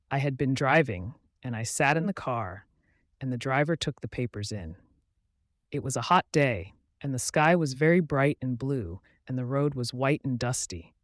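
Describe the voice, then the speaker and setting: A man reading an audiobook in a measured, unhurried scripted narration on a close studio mic. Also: medium pitch, dry recording.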